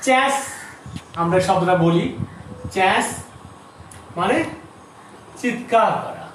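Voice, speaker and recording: A middle-aged man teaching a grammar lesson to school students, explaining slowly, repeating terms and asking the class questions. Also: sits high, a bit bright. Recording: distant, echoey room with faint noise.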